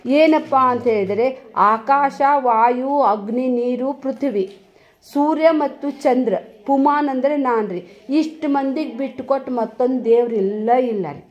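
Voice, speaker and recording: A woman's voice: high voice, unhurried. A woman giving a devotional talk, telling folksy stories and addressing listeners with "ri". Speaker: spiritual speaker. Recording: slightly dull lo-fi recording.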